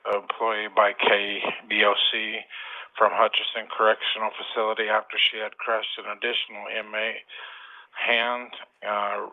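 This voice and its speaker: Man on a tinny speakerphone, flat gravelly voice. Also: on the low side. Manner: formal, deliberate, frequent "uh" pauses. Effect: heard over a speakerphone line. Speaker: claimant calling in. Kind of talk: reading a prepared formal statement.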